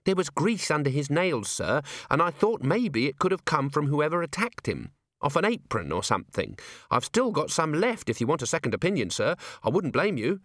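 In a clean studio recording with no echo, a man reads an audiobook, raising his voice above its natural pitch to play a young, earnest female dwarf recruit. The fairly high, somewhat bright voice swings widely in pitch at a moderate pace as the character speaks eagerly and nervously.

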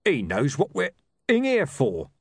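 Casting: male reader doing a brash cursing thug, loud, punchy, lively pitch, dry close sound. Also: a little slow, husky, no room sound, full character voice. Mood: gruff. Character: loud, coarse, swearing male thug with a love of art.

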